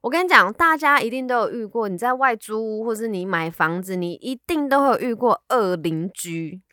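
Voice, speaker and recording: A woman's voice: fairly high pitch, moderate pace, dry recording, studio quality. Teasing young woman chatting on a podcast. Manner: lively, teasing, laughs often. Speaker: podcast co-host. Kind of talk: casual chat.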